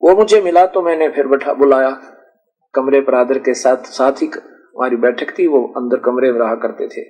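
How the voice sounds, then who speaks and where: This man speaks at medium pitch and normal speed, his voice a little mellow, though the recording has its highs cut off. He preaches a sermon through stories, homespun and chatty, voicing the dialogue himself and frequently fixing words partway through.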